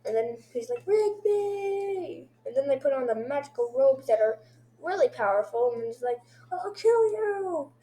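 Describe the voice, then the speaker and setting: Talking fairly quickly, a woman casually goes through episodes one at a time. She rambles with excitement and drops in sound effects like "boom."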